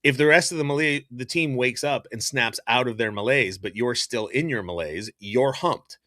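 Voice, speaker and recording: A man hosting a hockey talk stream, reading chat questions and giving opinionated, animated takes with lots of fillers and restarts. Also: medium pitch, moderate pace, dry recording, studio quality. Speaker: hockey podcast host. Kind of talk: casual live-stream commentary answering chat.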